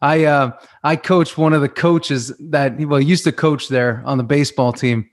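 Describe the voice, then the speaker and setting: A man hosting a casual interview show, with a slightly higher than usual pitch for a man. He talks in an easygoing, affirming way and laughs along with his guest. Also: fairly even intonation, moderate pace. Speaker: podcast host and coach.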